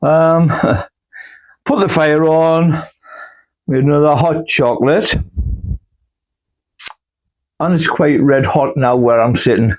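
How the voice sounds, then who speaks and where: A man talks slowly and casually as he potters with his plants in a cool indoor grow room. His voice sits a bit high for a man, rambling and homely, with the odd hiccup breaking in. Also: steady tone. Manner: rambling, homely, full of fillers. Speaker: gardening channel host. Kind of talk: casual chat while potting plants.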